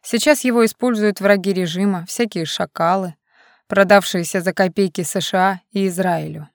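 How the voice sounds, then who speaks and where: A woman reading the part of a serious, self-assured man who leads a militia, speaking in a measured, lecturing way. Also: medium pitch, dry recording, clean studio sound, natural voice. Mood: stern.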